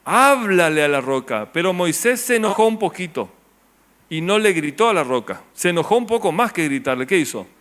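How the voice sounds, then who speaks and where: A man with a Rioplatense Spanish accent preaching a sermon as pastor, asking the congregation rhetorical questions and dropping his voice low and soft on key words. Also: expressive, a little fast.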